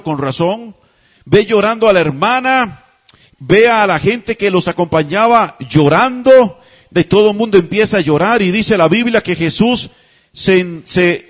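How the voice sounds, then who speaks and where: A man's voice: sits high, muffled recording. A man preaching a sermon, chatty and full of rhetorical questions, who keeps asking the congregation to repeat phrases after him. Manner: conversational, asks rhetorical questions. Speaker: pastor.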